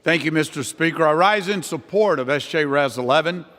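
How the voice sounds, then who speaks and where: A man's voice: fairly high pitch, brisk, fairly bright tone. An American man giving a formal, prepared political floor speech as a congressman. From Ohio, United States. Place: large legislative chamber, House floor. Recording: reverberant large chamber.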